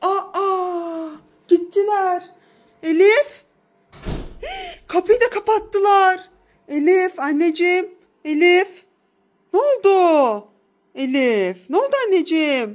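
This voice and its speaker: A young woman who is a mother, talking in a casual family vlog in a coaxing, excitable way, with frequent gasps and exclamations. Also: very high voice, takes it slowly, long pauses.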